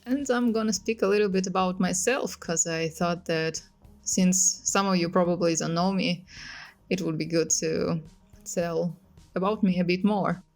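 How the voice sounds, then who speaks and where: A young woman from northeast Russia with a Russian accent, talking casually over a speedpaint video, unhurried, with pauses and fillers. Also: fairly low pitch, fairly even intonation. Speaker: artist. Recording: music playing softly behind. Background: faint music.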